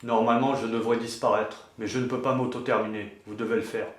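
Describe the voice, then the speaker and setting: Film parody casting: male actor as stoic cyborg bodyguard, monotone and formal, roomy sound with music behind. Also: fairly low pitch, fairly quick, close to an everyday voice. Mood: flat, solemn. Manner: flat, formal, robotic delivery. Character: stoic male cyborg protector, a killing machine.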